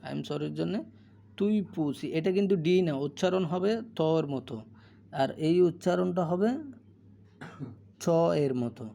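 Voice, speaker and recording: A man gives a patient language lesson, sounding each phrase out slowly and repeating it for his learners. His voice is fairly high for a man, with a gravelly, dark edge. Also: slight background noise. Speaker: language teacher. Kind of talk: slow explanatory language lesson.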